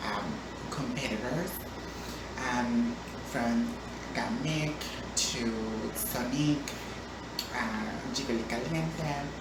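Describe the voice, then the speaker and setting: Woman vlogger with a very low voice, slow, playful, recorded from afar in an echoey, noisy room. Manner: chatty, playful, with frequent ums and restarts. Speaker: vlogger answering viewer questions. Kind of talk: casual Q&A vlog. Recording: echoey room, distant mic, background noise.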